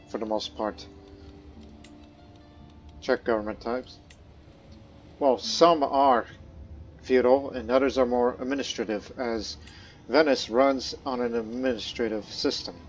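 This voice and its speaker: The host's mid-range voice stays steady and a little slow, with frequent pauses, on a muffled recording with faint game music. He rambles through casual let's play commentary, full of fillers and restarts, sometimes talking as his in-game ruler. He is not a native Croatian speaker but studied it as a second language.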